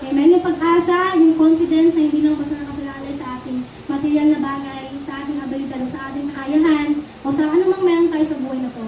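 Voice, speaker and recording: A woman with a Filipino accent delivers a sermon in a high, mellow voice, pausing often for an amen from her listeners. She stands well away from the microphone in an echoey church hall. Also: steady tone, far from the mic. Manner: Taglish, asks the congregation for amens. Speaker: preacher.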